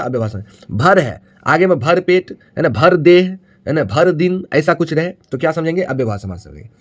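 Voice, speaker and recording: A man's voice: a little high, a bit bright. A male Hindi grammar teacher giving a classroom-style video lesson. He keeps asking questions, answers them himself, and adds tag questions to check that students follow. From Bihar, India.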